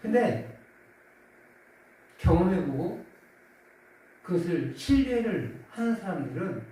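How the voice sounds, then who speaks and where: A man pastor giving a sermon in a conversational way, now and then acting out quoted voices with his pitch rising. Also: big pitch swings, takes it slowly, mellow. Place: church sanctuary. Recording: echoey church hall from far off.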